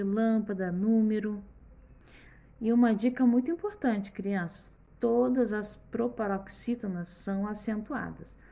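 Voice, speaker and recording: A woman teaches a schoolbook lesson to young children, working patiently through each example and checking that they keep up. Her voice has a gravelly, fry-tinged edge at a middling pitch. A faint hum of background noise sits behind her. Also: a little mellow. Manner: patient, explains step by step, often checks in with the children.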